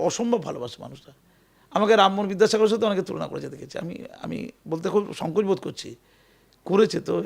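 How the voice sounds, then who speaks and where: A man giving an animated, emphatic political interview, often repeating his phrases. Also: high-pitched, gravelly. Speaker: interview guest.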